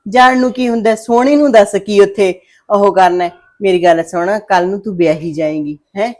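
A woman's voice: mid-range voice, moderate pace, natural voice. A woman playing a worried, scheming village mother who scolds and coaxes her daughter in a family drama. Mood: coaxing, scolding. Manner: fretful, scolding, loud when calling out. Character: scheming middle-aged village mother, worried and sharp-tongued.

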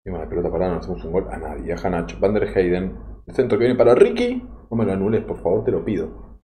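A man's voice: deep voice, sing-song, fast talker, warm tone. A young man with a Rioplatense accent commenting live on a football management game, exasperated and pleading with the game. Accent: Rioplatense Spanish. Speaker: gaming YouTuber.

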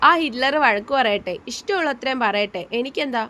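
A woman's voice: a little high, brisk, sharp tone. A woman voicing a sulky, defiant young bride-to-be who pouts and protests. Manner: pouting, indignant.

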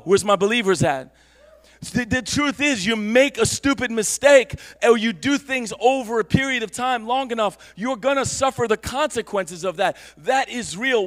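A man with a strikingly high speaking voice delivers a sermon in church. He preaches with fervor and often rises to a shout. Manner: impassioned preaching that builds to shouts. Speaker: pastor. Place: church service.

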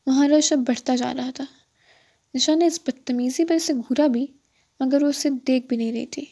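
High-voiced woman narrating an audiobook. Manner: steady storytelling read.

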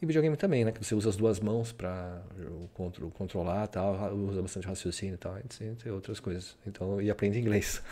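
In a fairly quick, lowish voice with a dark tone, a Brazilian vlogger rambles through a casual screen-share about his study routine. Many of his sentences end with "né?".

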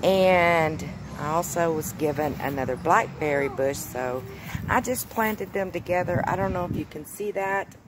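Out in the backyard vegetable garden, a mother records on her phone while patiently quizzing her toddler with simple questions during a casual garden tour. Her voice is fairly low and her speed normal, against a noisy background.

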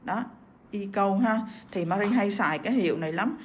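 A woman's voice: medium pitch, brisk, a little hiss or hum. A woman with a cough teaching nail art on a livestream, chatting as she works and reading out viewer comments. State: sick with a cough.

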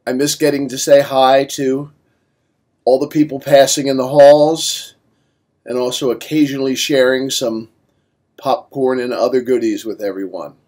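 A man's voice: medium pitch, fairly even intonation, normal speed, darkish tone. A male teacher recording a casual farewell message from home, with light, wry asides.

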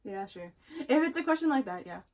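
Young female vlog co-host, raspy-edged and lightly high-pitched, giggly, informal delivery. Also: big pitch swings, fairly quick, darkish tone. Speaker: vlog co-host playing a quiz challenge. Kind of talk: casual chat. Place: small room at home, indoors.

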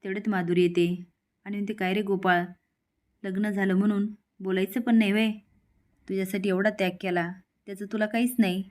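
A woman walks through a serial's episode as a recap. She reads each character's quoted lines in her own plain narrating voice instead of acting them out. Her pitch sits in the middle range. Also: steady tone, brisk, darkish tone.

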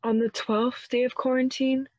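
A woman giving a dramatic reading of a parody carol with theatrical, deliberate phrasing. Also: sits high, little pitch movement, dry recording, muffled recording.

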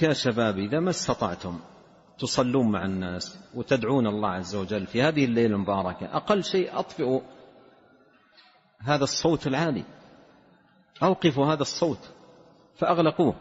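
Husky preacher in a hollow hall. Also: male voice, mid-range voice. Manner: earnest, tells a story and acts out quoted speech. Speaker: Islamic scholar. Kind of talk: sermon storytelling. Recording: dull, hollow hall recording.

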